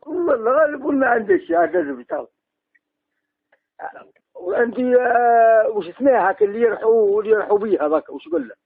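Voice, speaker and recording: A man's voice: very high voice, animated, fast talker, gravelly, slightly rough, no echo. An Algerian man on a phone call, evasive and placating, haggling his way around a debt. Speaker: debtor offering used goods instead of money. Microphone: telephone. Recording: tinny, band-limited phone line.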